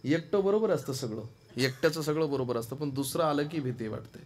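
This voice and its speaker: Fervent higher-voiced man preaching a kirtan. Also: fairly quick, very noisy. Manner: fervent, swings from quiet asides to loud exclamations. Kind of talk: devotional kirtan sermon. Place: stage at a devotional festival. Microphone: stage microphone through a sound system.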